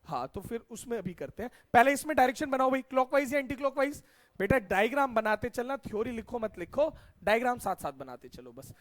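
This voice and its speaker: A man's voice: very high-pitched, sing-song, a little fast, a bit bright. A man teaches a physics lesson. He keeps turning to his students with short questions and repeats each answer so they remember it. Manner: call-and-response questioning, repeats key answers. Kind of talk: classroom science lesson.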